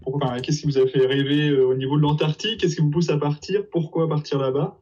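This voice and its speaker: A man's voice: on the high side, fairly even intonation, fast, darkish tone. A man hosting a video call, relaying audience questions hesitantly. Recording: distant, dull call audio.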